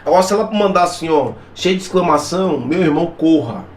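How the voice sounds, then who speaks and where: A man with a Brazilian Portuguese accent teaching an exam-prep grammar lesson, theatrical and chatty, shouting out example exclamations. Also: fairly high pitch, animated, fast talker, echoey room, slight background noise.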